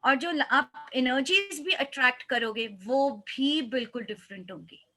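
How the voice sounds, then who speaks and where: A woman's voice: sits high, measured pace, pushed and bright. A woman, a life coach, speaking earnestly in a motivational interview and mixing in English phrases.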